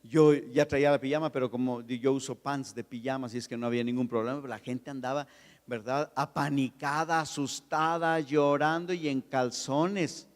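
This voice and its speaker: A man preaching a sermon as pastor, telling stories with swings from loud, raised passages to soft, chatty asides. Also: medium pitch, fairly even intonation, normal speed. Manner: storytelling, shifts from loud preaching to soft anecdote. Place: church. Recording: long reverb of a church hall.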